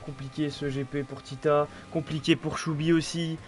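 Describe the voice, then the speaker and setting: A man's voice: on the high side, little pitch movement, moderate pace. A man giving casual live motorsport commentary, calling each overtake as it happens. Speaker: esports motor racing commentator. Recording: clear background noise, vehicle sounds.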